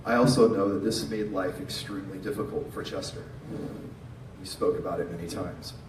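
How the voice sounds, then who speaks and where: A middle-aged man speaks at a funeral in a fairly low voice, giving a tender, informal eulogy. His delivery falters, with pauses and repeated words. He is heard at a distance from the microphone in an echoey space, with clear background noise. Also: fairly even intonation. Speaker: eulogist, friend of the deceased.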